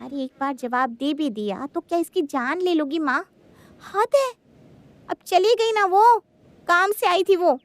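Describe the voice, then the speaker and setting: A woman voicing a blunt, impatient young woman in a cartoon story, speaking in a sharp, scolding way. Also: sits high, normal speed, few pauses, dry recording. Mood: indignant. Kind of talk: Hindi cartoon story voice acting.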